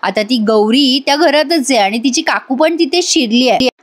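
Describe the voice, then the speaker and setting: A woman's voice: high voice, normal speed. A woman narrating a casual voice-over recap of a TV serial episode, chatting with viewers and reading out the characters' lines.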